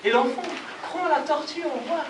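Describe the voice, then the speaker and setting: A man storyteller telling a folk tale live, expressive and rhythmic, speaking directly to the audience. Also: extremely high pitch, normal speed. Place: live performance venue. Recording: distant roomy live recording, noisy.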